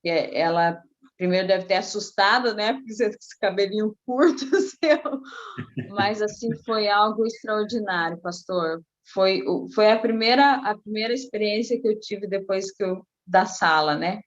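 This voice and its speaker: A middle-aged woman, telling a personal faith testimony in a casual, animated way. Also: mid-range voice, moderate pace, highs cut off. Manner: animated storytelling, acting out quoted voices. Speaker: guest giving a testimony.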